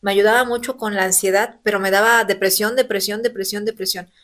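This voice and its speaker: A woman, in her thirties, telling her personal story as an interview guest, earnest and animated. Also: medium pitch, fairly quick. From Mexico. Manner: earnest, animated, acts out quoted voices. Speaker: interview guest, elected local legislator.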